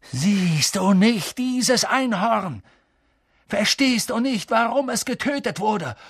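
A man's voice: mid-range voice, lively intonation, breathy edge, no room sound, clean studio sound, full character voice. Firenze, a grave noble young centaur, as a man voices him. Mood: urgent. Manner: measured and grave, slow emphatic words. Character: noble young male centaur, earnest and protective. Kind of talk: audiobook character voice.

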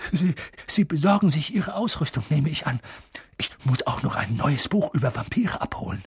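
A man voicing a pale, nervous young teacher who stammers in a hushed voice. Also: fairly high pitch, sing-song, normal speed, slight background noise.

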